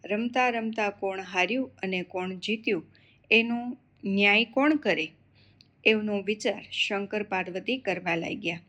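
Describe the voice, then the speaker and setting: A woman's voice: medium pitch, a little slow. Woman narrating a devotional tale. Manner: steady, reverent storytelling. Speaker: devotional storyteller.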